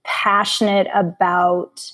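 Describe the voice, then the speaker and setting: A woman in her forties, a coach and author, chatting as a podcast guest in a frank, animated way, laughing and swearing freely. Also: mid-range voice, slow pace. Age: 40s. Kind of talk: casual chat.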